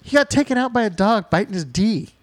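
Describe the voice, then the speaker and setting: A man's voice: high voice, expressive, a little fast. A man co-hosting a casual podcast chat, giving blunt, dismissive opinions. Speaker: podcast co-host.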